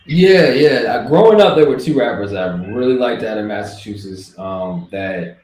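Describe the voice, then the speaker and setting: A man's voice: lowish voice, lively intonation, moderate pace, a little mellow, roomy sound, poor audio. A young adult man with a Boston accent, co-hosting a casual hip hop podcast in a laid-back way with many fillers. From Boston area.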